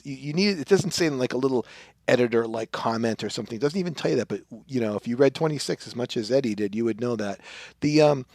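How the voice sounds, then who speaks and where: A man with a gravelly, mid-pitched voice hosts a comic book podcast, recapping issues in a loose, rambling way full of fillers. The recording is close and dry. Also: no echo. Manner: rambling, with many fillers, acts out lines in exaggerated voices. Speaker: podcast host.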